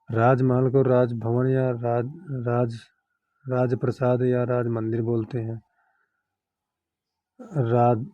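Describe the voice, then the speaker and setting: A man's voice: medium pitch, dry recording, muffled recording. A man teaching an exam-prep lesson, rattling off long lists of synonyms in set phrases and reminding students what to memorise.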